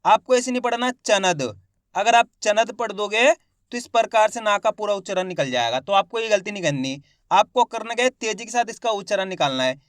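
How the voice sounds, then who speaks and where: A man teaching a step-by-step reading lesson, sounding out syllables slowly and answering his own questions. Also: high-pitched, lively intonation, a bit bright, clean tone, no echo, studio quality. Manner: addresses viewers as friends, plain conversational teaching.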